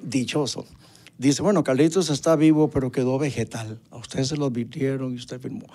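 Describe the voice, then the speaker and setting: A man's voice: mid-range voice, mellow. A middle-aged man gives a personal testimony in a TV interview, acting out dialogue with religious fervor. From Costa Rica. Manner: vivid storyteller acting out dialogue, fervently religious. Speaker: interview guest.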